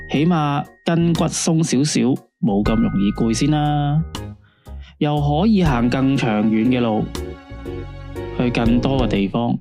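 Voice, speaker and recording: This man's voice sits fairly high and has a dark tone. In a radio drama, he plays a chatty, laid-back late-night radio host, speaking Hong Kong Cantonese in a playful, conversational style.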